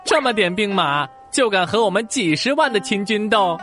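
A man's voice: sits high, animated, moderate pace, bright, forceful tone, soft background music. Man doing a sneering arrogant enemy general. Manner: sneering, boastful.

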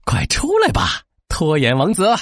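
A man's voice: high-pitched, wildly swooping pitch, slow, dry recording, studio quality, pitched above the performer's own voice, full character voice. A man voicing a giant, smelly garbage demon king in a children's storybook, speaking in bombastic, theatrical villain monologue. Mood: gloating, menacing. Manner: theatrical villain monologue with gloating laughs and wails. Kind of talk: children's audio storybook character.

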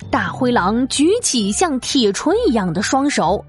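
A woman's voice: on the high side, expressive, unhurried, soft background music. A woman narrating a scripted story for children.

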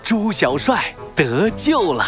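A narrator reading a scripted children's story in a dramatic, expressive way. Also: mid-range voice, slow, loud music behind the voice.

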